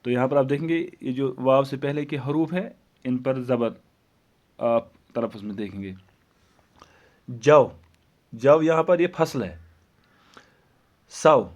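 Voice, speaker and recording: A man teaching a grammar lesson, speaking slowly and repeating each example word carefully. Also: mid-range voice, darkish tone. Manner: slow, deliberate, repeats example words. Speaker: Urdu teacher.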